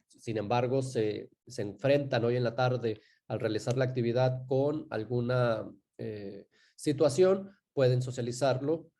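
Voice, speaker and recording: A man teaching a live online class, talking in a relaxed way with frequent fillers and self-corrections. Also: medium pitch.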